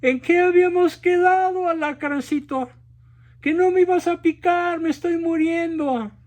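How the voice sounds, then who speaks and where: Fable role: man doing a trusting little girl frog, high and pleading. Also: fairly even intonation, a little slow, darkish tone. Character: naive, trusting female frog.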